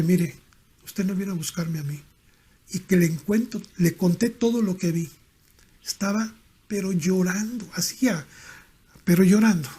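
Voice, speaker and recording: A middle-aged man with a Mexican accent, a pastor preaching a sermon and telling personal stories, acting out the dialogue and dropping into soft asides. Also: high voice, breathy edge. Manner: storytelling, acts out dialogue, drops to soft asides.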